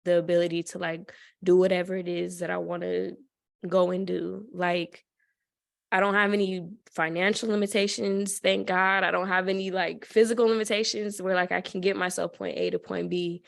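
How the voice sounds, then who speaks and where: A woman's voice: lowish voice, little pitch movement, normal speed, creaky. A woman in her twenties, a student co-hosting a podcast, talking in a reflective, grateful way with lots of "like". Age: 20s. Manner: reflective, grateful, with many fillers. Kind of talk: casual chat.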